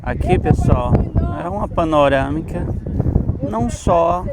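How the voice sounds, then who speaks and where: A man's voice: on the high side, expressive, measured pace. A man casually narrating a travel vlog while walking around outside, chatting to his viewers like a tour guide. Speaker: travel vlogger. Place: outdoors at a hilltop statue and cable car, city. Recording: loud outdoor noise and wind.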